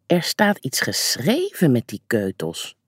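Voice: medium pitch, wildly swooping pitch, a little slow, breathy edge, no echo, studio quality, heavily acted. A reader voicing a bewildered father in a children's story. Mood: puzzled. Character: surprised, cheerful father.

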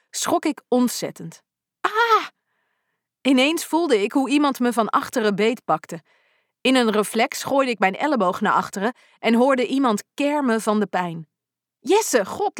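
A woman reading a first-person story aloud, expressive and lively in the dialogue. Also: medium pitch, dry recording, studio quality.

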